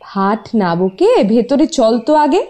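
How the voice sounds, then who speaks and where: A woman's voice: mid-range voice, sing-song, takes it slowly, dark tone. A woman playing a playful, bossy young college student in an audio drama, teasing her friend. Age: young adult.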